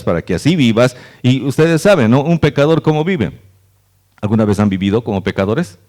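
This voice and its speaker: A man's voice: mid-range voice, darkish tone. A man, a pastor, preaching a conversational sermon at a church service and often checking in with "¿no?". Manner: earnest, conversational, frequent "¿no?" tags.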